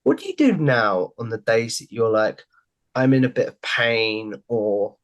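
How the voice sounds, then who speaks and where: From a room at home, a young podcast host on a video call headset asks friendly, rambling interview questions and keeps reusing the same stock phrases. His medium-pitched voice swings hugely in pitch as he speaks a little slowly.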